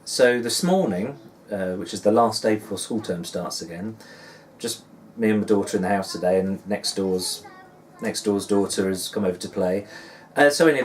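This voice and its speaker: A man in his forties with a Suffolk English accent, chatting casually in a rambling, self-deprecating and musing way, as in a personal vlog. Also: on the low side. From Suffolk, England. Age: 40s. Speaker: dad blogger and vlogger. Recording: distant mic with faint background noise.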